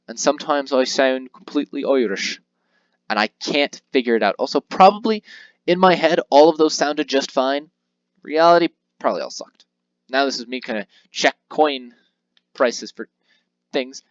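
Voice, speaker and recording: Heard on a dry, muffled recording, a young man of medium pitch rambles through his handheld game session. Self-deprecating and casual, this let's play host performs the game's text aloud in assorted voices.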